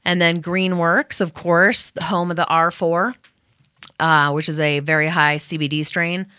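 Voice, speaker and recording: A woman's voice: fairly low pitch, level tone, unhurried, pushed and bright, clear, resonant tone, no room sound, clean studio sound. A woman radio host thanking her sponsors in a loose, rambling chat full of fillers and restarts. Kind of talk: casual thank-you to sponsors.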